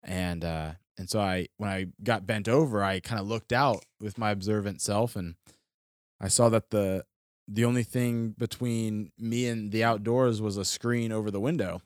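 A young man from Florida tells a story on a podcast in a deep, smooth voice. He rambles, restarts sentences and fills gaps with "um" and "like." The sound is close and dry, with no room echo. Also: fairly even intonation, moderate pace. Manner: rambling, full of fillers and restarts. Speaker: podcast co-host. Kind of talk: casual storytelling. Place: studio.

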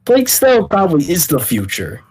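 A man's voice: on the high side, wildly swooping pitch, moderate pace, a little mellow. A man co-hosting a casual sports podcast, arguing his opinions bluntly in loose, informal speech. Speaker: podcast co-host.

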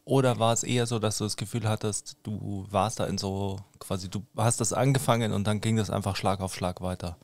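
A man's voice: on the low side, fairly even intonation, a little fast, hardly any pauses, no echo. A man hosting a casual podcast, asking long questions with lots of hesitant fillers. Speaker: podcast host.

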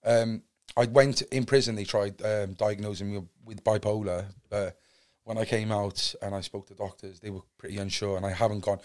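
Cardiff guy, lowish voice, earnest and a bit rambly, chatting openly about his past. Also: fairly even intonation, normal speed, a little mellow. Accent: Welsh (Cardiff). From Cardiff, Wales. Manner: open, earnest, rambling with restarts. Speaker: podcast guest. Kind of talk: candid personal storytelling.

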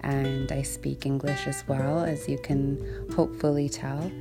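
A woman's voice: extremely low pitch, level tone, a little slow, over music. A woman from Nunavut with an Inuit accent, a native Inuktitut speaker, hosting an informal podcast in a hesitant, thinking-aloud manner. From Iqaluit, Nunavut, Canada. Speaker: podcast host. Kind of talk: informal solo podcast introduction.

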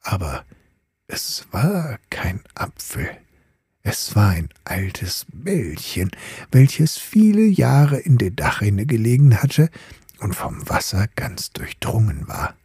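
A man narrating a fairy tale in an unhurried, storytelling way. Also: fairly low pitch, sing-song, dark tone, slightly rough, dry recording, clean studio sound. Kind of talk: slow fairy-tale reading.

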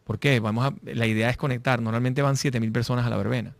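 A middle-aged man with a Venezuelan accent, a guest speaking in a casual interview, animated, repeating and restarting his words. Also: medium pitch, fast talker, vocal fry, no room sound. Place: lives in Madrid.

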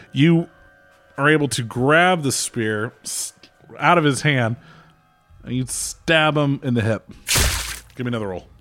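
A man's voice: medium pitch, fairly bright tone. Laid-back man running a tabletop game. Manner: loose, laughing, swears freely. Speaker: game master.

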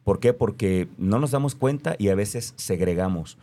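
A man's voice: fairly low pitch, expressive, normal speed, mellow. A man with a Mexican accent speaking earnestly in a reflective conversation, stressing his points by repeating them.

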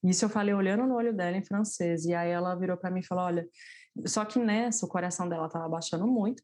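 A woman's voice: lowish voice, darkish tone. A woman as an interview guest, telling a personal story in casual chat, stressing points by repeating words.

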